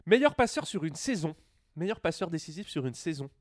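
A man's voice: on the high side, very animated, a little fast, no room sound. A man co-hosting a football podcast who reads out quiz questions, gives teasing hints and makes dry jokes. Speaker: podcast co-host running a quiz. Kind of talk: casual football quiz banter.

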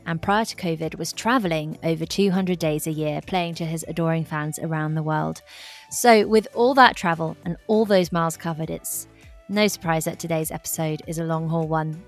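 A woman hosting a podcast, introducing and interviewing her guest in a presenter's style. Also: fairly low pitch. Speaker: podcast host and travel journalist.

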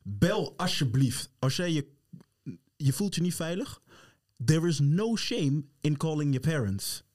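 A man's voice: fairly high pitch, lively intonation, a little slow, darkish tone. A man co-hosting a casual podcast, talking emphatically and often switching into English phrases. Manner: mixes English into his talk, emphatic and heated. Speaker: podcast co-host.

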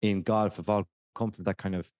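A man's voice: on the low side, fairly even intonation, fairly quick, a little mellow, no echo. A man from County Clare with a west of Ireland accent, hosting a casual podcast interview in a jokey, self-deprecating way. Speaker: podcast host.

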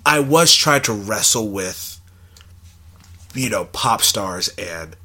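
A man's voice: fairly low pitch, animated, slow, sharp tone. A young man in casual conversation about a film, thinking aloud with lots of fillers and restarts.

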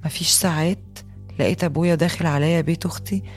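Woman acting as a young egyptian woman telling her story, egyptian accent, talks fast and earnest, podcast narration. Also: sits low, steady tone, darkish tone, husky, soft background music. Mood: agitated. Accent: Egyptian Arabic. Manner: earnest and intimate storytelling, rising to agitation in retold fights. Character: young woman recounting a harsh mother, earnest, hurt. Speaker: voice actor reading a personal testimony. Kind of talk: scripted first-person narration for a podcast.

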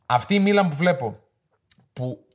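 A man's voice: fairly high pitch, lively intonation. A man co-hosting a football podcast, giving plain-spoken, opinionated takes in a casual chat. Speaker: podcast co-host.

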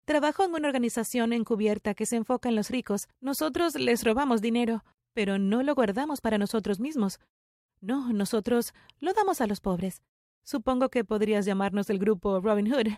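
A woman voicing a middle-aged mother who is a secretive runaway thief, speaking in hushed, drawn-out explanations. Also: a little high, no echo, studio quality, close to an everyday voice.

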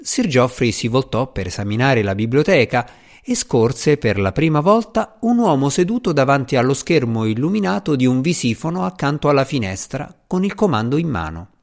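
Man, audiobook narrator, measured storytelling, mid pitch, animated intonation. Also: creaky. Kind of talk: scripted narration.

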